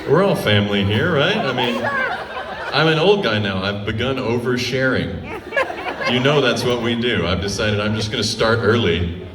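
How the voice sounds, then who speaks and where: A forty-year-old man with a mid-range voice performs funny stories for a live crowd at a normal pace, poking fun at himself with dry wit and frequent laughter. He's a touring stage performer, heard through a distant mic in a roomy venue over a noisy crowd with heavy background noise.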